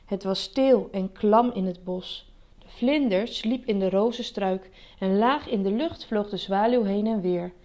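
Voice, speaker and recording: Slow woman reading a storybook. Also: medium pitch, darkish tone. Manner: slow, measured narration.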